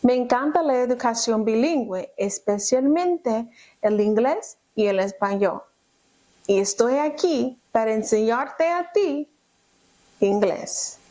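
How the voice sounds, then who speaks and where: A woman teaching the English alphabet in a bilingual lesson, drawing out each letter slowly for students to repeat. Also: a little high, animated, dark tone. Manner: slow, drawn-out modeling of letters for repetition.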